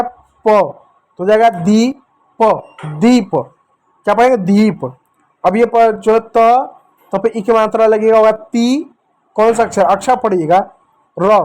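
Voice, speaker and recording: A man teaching children to read, slowly sounding out letters and syllables and coaxing them to repeat after him. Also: high voice, a little mellow. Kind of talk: children's reading lesson.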